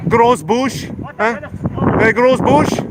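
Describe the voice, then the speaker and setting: Agitated high-pitched man livestreaming on a noisy street. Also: takes it slowly. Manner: agitated, combative, heavy swearing, repeats himself. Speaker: live streamer. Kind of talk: live street vlog, confrontational talk. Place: outdoors on a city street. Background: loud street and vehicle noise.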